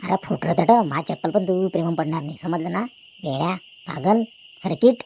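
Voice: medium pitch, fairly quick, creaky, dark tone, slight background noise, lightly acted. A voice actor playing a firm schoolgirl who scolds and lectures a classmate in a cartoon. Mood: scolding. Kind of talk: cartoon voice acting.

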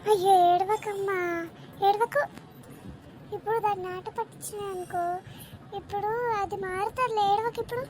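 A woman's voice: extremely high pitch, steady tone, normal speed, long pauses, noisy background, voice pushed down. A woman voicing an impatient, bossy grown daughter in a cartoon, speaking in a snappy, scolding way.

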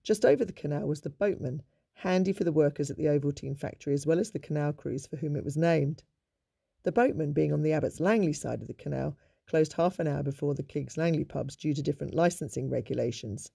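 A man giving a measured, informative narration of local history in a scripted documentary style. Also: on the high side, gravelly, dark tone, breathy edge, no echo, clean studio sound.

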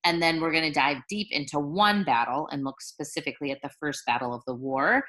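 A woman's voice: low voice, pushed and bright. A woman teacher talking casually through a recorded video lesson, rambling a little with fillers and restarts. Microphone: handheld recording device, jostled.

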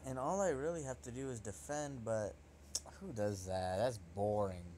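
A young man giving excitable, trash-talking commentary over his own gameplay, swearing at his opponent as he plays. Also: mid-range voice, moderate pace, slight background noise. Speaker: gaming channel host.

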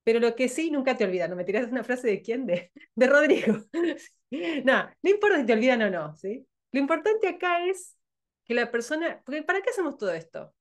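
A woman's voice: sits high, lively intonation, a little fast. A woman with a Rioplatense Spanish accent, from Argentina, giving a blunt, provocative motivational talk as a sales coach. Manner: blunt, provocative, laughs often.

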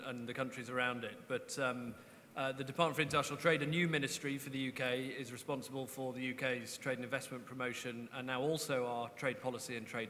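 A man's voice: medium pitch, pushed and bright, a little hiss or hum. A man, a government trade official, formally introducing himself on a conference panel. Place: conference hall stage, seated. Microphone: table microphone. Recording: hall reverb.

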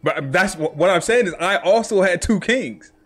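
A man's voice: high voice, expressive, normal speed, fairly bright tone, faint music behind. A young man in casual gaming banter with friends, talking like a slangy, profane frat bro. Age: young adult. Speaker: game streamer. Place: indoor home gaming room.

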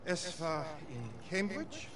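An actor playing a suave, menacing German officer in a video game, speaking in a silky, measured, toying way. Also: male voice, fairly high pitch, huge pitch swings, a crowd in the background, full character voice. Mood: silky menace. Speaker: game character. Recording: loud background noise.

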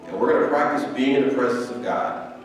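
A man's voice: mid-range voice, expressive, quick pace. A man in his forties preaching a sermon to a church as its preacher. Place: church stage, indoors. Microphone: headset. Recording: very echoey hall, distant, loud music. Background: instrumental music.

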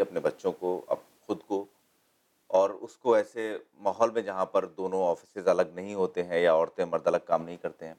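A man hosting a studio TV interview, asking long questions in a measured, formal way and closing the episode. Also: on the low side, a little mellow. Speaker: TV interview host.

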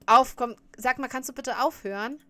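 A woman's voice: high voice, moderate pace, sharp tone, no echo. Chatty woman streamer scolding her chat. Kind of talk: casual reaction stream chat.

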